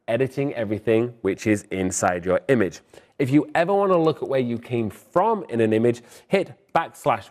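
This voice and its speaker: Young male tutorial host, breathless and brisk, mid-pitched, upbeat and opinionated. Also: darkish tone. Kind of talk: fast screen-recorded software tutorial.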